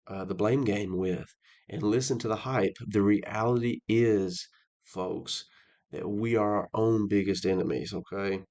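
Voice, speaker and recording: A man teaching a lesson on investing as a financial coach, energetic and conversational, often checking in with his listeners. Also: fairly low pitch. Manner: energetic, conversational, frequent "okay?" check-ins. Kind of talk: lecture on investing.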